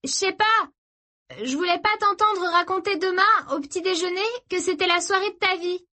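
Woman putting on a teenage girl, fifteen, high-pitched, blunt, sarcastic, audiobook dialogue. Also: moderate pace, sharp tone. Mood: teasing. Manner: teasing, skeptical sister.

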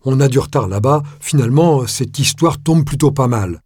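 A man's voice: medium pitch, animated, moderate pace, a little mellow, slightly rough, dry recording, studio quality, pitched above the performer's own voice. A man voicing a casual, scheming businessman who wheedles and keeps tagging phrases with fillers. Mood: breezy. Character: offhand, scheming middle-aged male businessman.

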